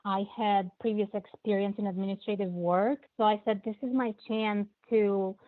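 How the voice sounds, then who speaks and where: Brief: woman from Albania, Albanian native, thirties, measured podcast guest, phone-quality audio. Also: mid-range voice, fairly even intonation. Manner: measured, explanatory, with frequent fillers. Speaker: guest, crime analyst. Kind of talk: podcast interview. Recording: phone-like narrow band line.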